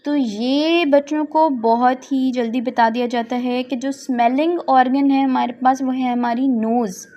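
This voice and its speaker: Slow, patient high-voiced woman teacher. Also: fairly even intonation, dark tone, muffled recording. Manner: patient, repeats questions and translates English lines into Hindi. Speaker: teacher explaining quiz answers. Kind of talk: slow tutorial narration over slides.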